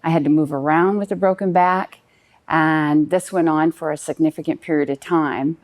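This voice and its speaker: A woman's voice: low-pitched, a little mellow. A woman in her fifties telling a personal story in an earnest, detailed and slightly rambling way. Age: 50s. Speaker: client giving a testimonial.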